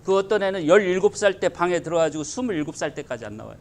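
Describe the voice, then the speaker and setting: High-voiced pastor, emphatic sermon. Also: male voice, very animated, racing, a little mellow, slight background noise. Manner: emphatic, full of rhetorical questions to the congregation.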